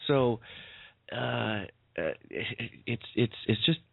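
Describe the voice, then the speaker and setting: A male guest advocate on a radio show, speaking earnestly and in a measured way. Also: mid-range voice, animated, gravelly, no room sound. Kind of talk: earnest call-in talk. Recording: dry tinny phone line.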